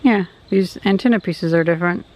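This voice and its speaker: Testing equipment by the roadside, a vlogger offers loose, off-the-cuff thoughts in a mid-range, darkish voice at a slightly quick pace. The recording is dull, and faint noise can be heard behind it.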